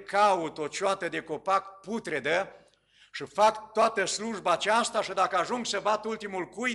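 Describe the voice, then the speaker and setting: A man voicing an old male village sorcerer who quietly confesses his dark craft. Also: high voice, gravelly, exaggerated voice.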